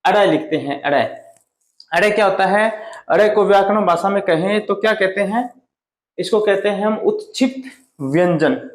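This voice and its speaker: A man teaching a Hindi grammar lesson at the board, asking questions and answering them himself, slowing down hard on key words. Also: sits high, echoey room. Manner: drawn out slow on key words.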